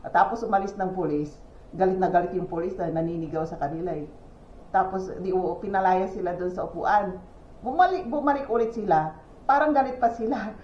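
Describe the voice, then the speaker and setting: Speaking rather quickly in a low-ish voice, a woman from the Philippines tells her viewers gossipy stories outdoors, laughing and exclaiming as she goes. There's a slight hiss or hum, and the audio sounds echoey and dull, lo-fi with faint ambient sound.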